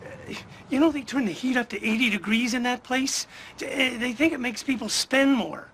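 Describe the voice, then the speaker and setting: A man's voice: very high voice, moderate pace, creaky, a bit bright, slight background noise, heavily acted. An actor playing a wry, grumbling older man who works as a mall Santa, in a film. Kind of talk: film acting.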